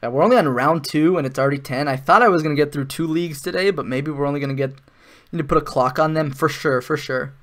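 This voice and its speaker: A man's voice: a little high, quick pace. Chatty man streaming a card game. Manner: thinks aloud, chatty, with sarcastic asides and laughs. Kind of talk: casual live-stream commentary.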